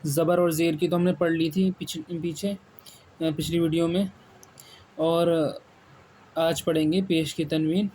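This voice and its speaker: A man with a Pakistani Urdu accent teaches Quran reading by spelling out each sound slowly and drawing out the syllables. His voice sits a little high. There is faint noise behind him. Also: flat delivery, darkish tone. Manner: repeats sounds slowly, drawn-out syllables, frequent "theek hai". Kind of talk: spelling-out recitation lesson.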